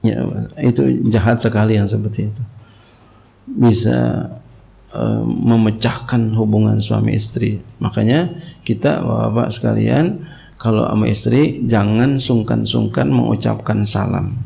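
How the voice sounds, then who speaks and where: A man's voice: fairly low pitch, fairly even intonation, measured pace, gravelly, warm tone. A middle-aged man preaching to a congregation in a casual, joking way, telling anecdotes and laughing along with his listeners. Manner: chatty, jokes and laughs with the congregation. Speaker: Islamic preacher teaching Quran commentary. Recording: dull lo-fi recording.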